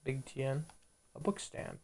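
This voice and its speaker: A man's voice: mid-range voice, a little slow, darkish tone, slight background noise. A man giving casual, joking commentary while playing a video game, swearing freely. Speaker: let's play gamer.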